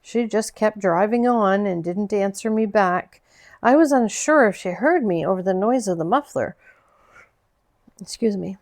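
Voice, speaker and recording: Gentle woman reading a novel aloud. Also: mid-range voice. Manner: gentle, unhurried storytelling with small slips. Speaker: audiobook narrator.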